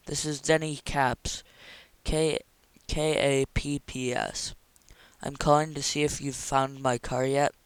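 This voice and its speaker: A man's voice: mid-range voice, level tone, slow, clean tone, dry recording, lightly acted. A man reading aloud voices a recently released male ex-convict asking impatiently after his car.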